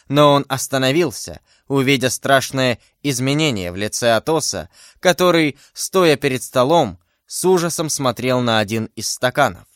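A man's voice: medium pitch, fairly bright tone, dry recording, clean studio sound. Man narrating a classic novel aloud. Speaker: reader. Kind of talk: audiobook narration.

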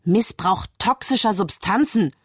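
A woman's voice: fairly low pitch, expressive, moderate pace, breathy edge, no room sound, clean studio sound. Woman reading as a nervous, indignant male prosecutor. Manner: interrupting, indignant. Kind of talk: literary reading.

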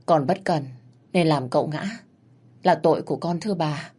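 A woman's voice: sits low, moderate pace, mellow, breathy edge. A woman narrator voicing a frightened young female servant who speaks breathlessly and pleads. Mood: pleading.

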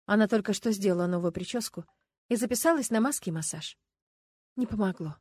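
A woman's voice: mid-range voice, fairly quick, a little mellow, husky, no echo. Woman reading an audiobook. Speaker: audiobook reader. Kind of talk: scripted narration.

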